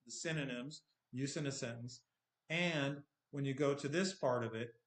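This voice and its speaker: Speaking with a Californian American accent that carries a slight Texan flavor, this United States man gives a patient screen-share tutorial teaching English and keeps checking in with "okay?". His medium-pitched voice is a bit bright, and the room echoes.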